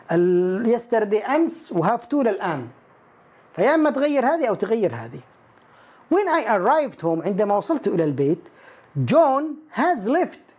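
A man teaching an English grammar lesson. He reads each English example slowly and translates it, then raises students' likely questions and answers them himself. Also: high-pitched, darkish tone.

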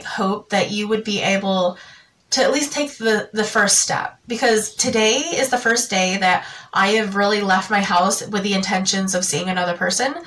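A young woman talking to camera in a personal vlog, halting and full of fillers and restarts, jittery and tearful. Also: medium pitch, fairly bright tone, far from the mic, low-quality recording. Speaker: vlogger.

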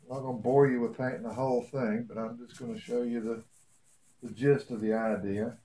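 A beekeeper demonstrates a woodworking build in his home workshop, a casual how-to delivered in a plain-spoken, folksy way with rambling asides. His medium-pitched voice is brisk and mellow, with fairly even intonation.

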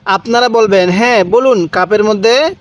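A man with a Bangladeshi Bengali accent teaching Quran pronunciation, slowly spelling out and repeating each syllable for learners. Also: high voice. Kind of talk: slow step-by-step pronunciation lesson.

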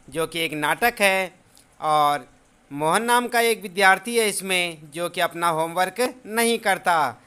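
Male schoolteacher, unhurried and clear, quizzing the class. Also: high voice, bright, forceful tone. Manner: asks the class questions and answers them. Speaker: teacher. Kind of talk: lesson explanation to children.

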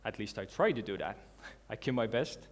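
On stage in a large, dark hall full of seated listeners, a man delivers an earnest conference talk in a lowish, animated voice. His speech is halting, with restarts and non-native grammar.

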